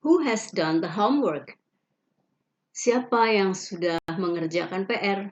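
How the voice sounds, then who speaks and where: A woman teacher reading English example questions slowly and carefully, each followed by its Indonesian translation. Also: medium pitch. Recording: dull lo-fi recording.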